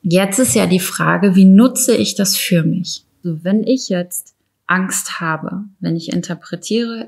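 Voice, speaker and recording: A woman with a fairly low voice and a strong creak in it speaks as an instructor. She explains step by step in a reflective way, addressing the listener directly and formally. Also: darkish tone. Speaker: instructor explaining emotions and breathing techniques.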